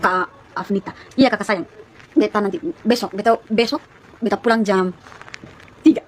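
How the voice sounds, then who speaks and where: At a moderate pace, a young woman with a Kupang Malay accent from East Nusa Tenggara, Indonesia, chats casually on a phone livestream, her mid-range voice carrying a little hiss or hum. As host, she greets viewers by name and laughs frequently.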